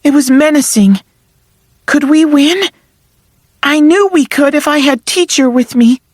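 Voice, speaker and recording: A woman narrating an audiobook in first person, soft and earnest. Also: high-pitched, unhurried, dry recording, clean studio sound.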